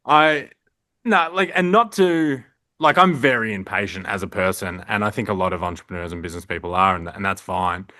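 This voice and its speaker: A man's voice: fairly low pitch, brisk, bright, forceful tone, no room sound. A young Australian man, a print shop owner, chatting casually in an interview, rambling with lots of fillers. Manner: rambling, filler-heavy, frequent "like".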